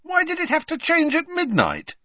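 A man's voice: very high-pitched, huge pitch swings, normal speed, pushed and bright, no echo, clean studio sound, voice pushed up, exaggerated voice. A man voicing an eager, earnest teenage schoolboy wizard who talks urgently.

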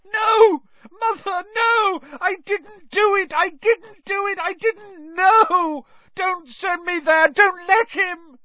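A man voicing a terrified teenage boy in a story, pleading in shrill, stammering screams. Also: slow pace, dry recording, highs cut off. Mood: hysterical terror.

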